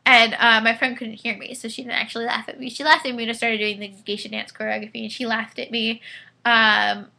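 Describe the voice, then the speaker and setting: A young woman in her twenties talks at home after a night out, a little drunk and excitable. Her voice is bright and tense. She rambles, trails off and restarts, filling gaps with ums. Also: fairly high pitch, brisk, creaky. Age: 20s. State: tipsy. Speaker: vlogger reviewing a concert. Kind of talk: casual rambling review. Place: indoors at home.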